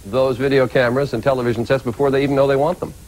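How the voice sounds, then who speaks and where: A man's voice: mid-range voice, flat delivery, rapid-fire, a little mellow, low-quality recording. American male morning TV host. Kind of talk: broadcast presenting and interviewing.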